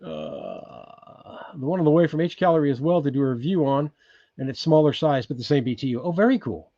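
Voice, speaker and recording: Quite animated and a touch fast, a fairly high-voiced man in his sixties chats casually on a livestream, reading comments from viewers. He's a Californian broadcasting from an off-grid cabin, rambling with frequent ums and restarts, and the lo-fi recording carries no echo.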